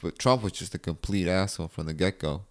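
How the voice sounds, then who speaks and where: A young man with a low voice talks casually with a friend. He leans on slang and fillers and often restarts his sentences as he works out his point. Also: fast. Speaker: friend chatting. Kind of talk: casual chat.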